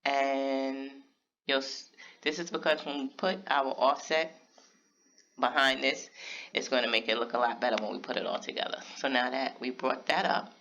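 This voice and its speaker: A man with a bright, forceful voice gives casual, step-by-step narration for a craft tutorial, speaking straight to his viewers. The recording sounds a little dull and lo-fi. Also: medium pitch, steady tone, moderate pace. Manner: casual step-by-step explaining, talks to viewers directly.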